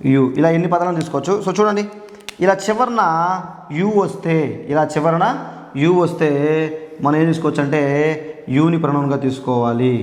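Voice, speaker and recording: A man with a slightly high voice teaches grammar. He says each term slowly and often stops to ask the class a question. The room around him is echoey, with a long hall-like tail. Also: a little mellow. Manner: repeats key words slowly, asks the class questions. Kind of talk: grammar lesson.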